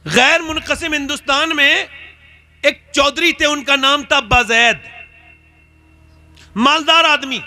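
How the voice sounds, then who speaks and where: Brief: a storytelling preacher, a man with a high voice who keeps asking his listeners rhetorical questions. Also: takes it slowly, long pauses, pushed and bright. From northern India. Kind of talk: sermon.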